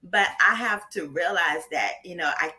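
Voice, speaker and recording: A woman's voice: on the low side, normal speed, sharp tone. A woman from Haiti, a guest in a casual interview, who talks bluntly and candidly and laughs often.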